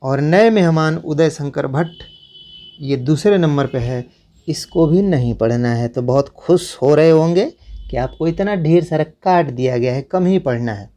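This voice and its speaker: A male teacher with a slightly high voice walks students through a school syllabus. He talks to them directly and repeats each instruction patiently, step by step. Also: a little slow, dark tone. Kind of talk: syllabus walkthrough lesson.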